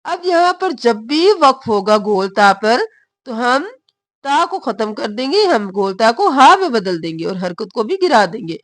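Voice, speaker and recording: A woman teaching Quran recitation rules. She draws the recited words out slowly and explains each sound in quick, short phrases. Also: fairly high pitch, sing-song, no echo. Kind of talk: slow recitation and explanation lesson.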